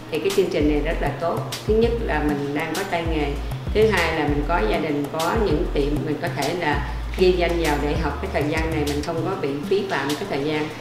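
Low-voiced woman teacher over music. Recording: echoey room with music.

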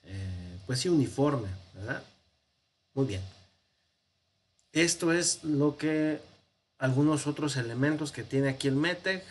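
A man's voice: mid-range voice, expressive, slow pace, long pauses, breathy edge. A man with a Mexican Spanish accent teaching a Hebrew grammar lesson, explaining patiently with fillers and frequent check-ins with his class.

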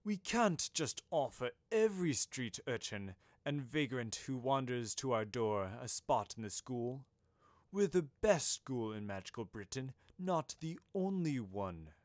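A man's voice: mid-range voice, very animated, a little slow, no echo, studio quality. A man voicing a cold, disdainful male professor who sneers as he speaks. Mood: scornful.

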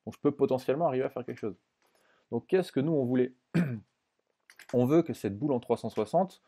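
A man with a mid-range voice walks through a screen-recorded software tutorial in a casual way. He thinks aloud, with many fillers and restarts, and often checks in with the viewer.

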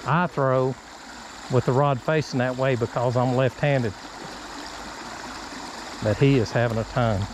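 A man's voice: medium pitch, steady tone, measured pace, long pauses, noisy background. A middle-aged man hosting a fishing vlog outdoors by a creek, coaching a child with short, repeated instructions. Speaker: fishing bait company host. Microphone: body-worn action camera. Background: running stream water.

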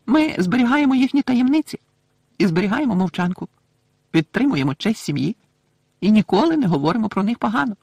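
A man voicing a timid, excitable male house-elf servant with a squeaky, servile way of talking in an audiobook. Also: fairly quick, creaky, breathy edge, no room sound, full character voice. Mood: eager squeaky. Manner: squeaky, servile, calls everyone young master.

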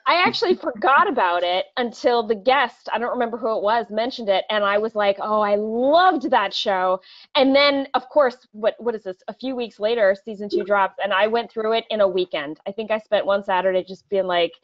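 A woman co-hosting a podcast in casual chat over a video call with earbuds, upbeat and quick with asides. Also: mid-range voice. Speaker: podcast co-host. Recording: dull lo-fi video call audio.

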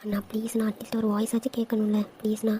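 A lovestruck young woman in a cartoon, voiced by a woman, emotional and playful with her brother. Her voice is slightly high with a mellow, warm tone and a fairly even melody. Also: brisk, a little hiss or hum, natural voice. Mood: pleading. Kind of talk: cartoon dialogue acting.

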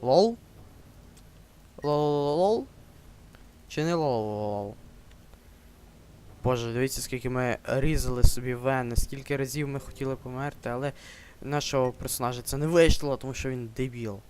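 Young male let's-player, Ukrainian accent, smooth mid-pitched voice, jokey horror game commentary with startled yelps. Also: little pitch movement, fast, darkish tone. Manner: joking, yelps "whoa" when startled. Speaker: let's play gamer.

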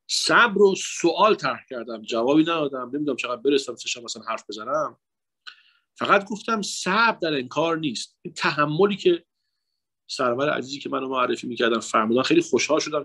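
Husky man preaching with lively swings. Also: on the high side. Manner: swings between raised emphatic phrases and hushed asides; lively, emotional, rhetorical address to the audience. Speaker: guest lecturer at a religious mourning night. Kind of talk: religious lecture blending psychology and sermon.

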